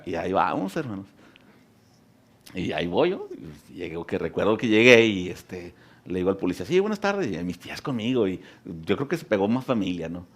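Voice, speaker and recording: Male preacher, thirties, storytelling sermon, lively rising and falling voice, emphatic. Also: deep voice, brisk. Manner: animated storytelling with laughter, shifting into emphatic preaching. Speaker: pastor.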